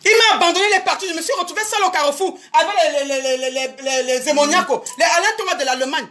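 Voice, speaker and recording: High-voiced woman ranting indignantly. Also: fast, fairly bright tone. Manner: indignant, repetitive, addresses critics directly. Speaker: show business promoter. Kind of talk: Facebook live rant.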